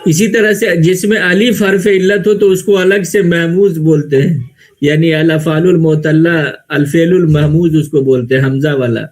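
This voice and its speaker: Steady and darkish, with a slightly high pitch, a man's voice guides a classroom lecture on Arabic grammar in Urdu, marked by an Indian Urdu accent. He takes it slowly, one step at a time, posing his own questions and answering them.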